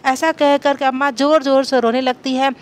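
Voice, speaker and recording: A woman's voice: sits high, level tone, moderate pace. A woman narrating a devotional folk tale in an earnest, dramatic storytelling manner.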